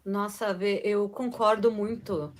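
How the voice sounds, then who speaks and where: A woman's voice: mid-range voice, fairly even intonation, slow. A young woman co-hosting a live stream, chatting casually, agreeing with her partner and adding her own story. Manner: warm, agreeing, telling a personal anecdote. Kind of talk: casual chat.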